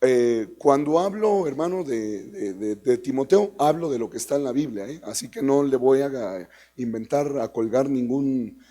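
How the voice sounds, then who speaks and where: A man's voice: mid-range voice, expressive, normal speed, hardly any pauses, mellow. A man with a Mexican accent preaching a teaching sermon as pastor, emphatic and conversational, repeating key phrases and asking the congregation rhetorical questions. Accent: Mexican Spanish. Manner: conversational, addresses listeners as brother.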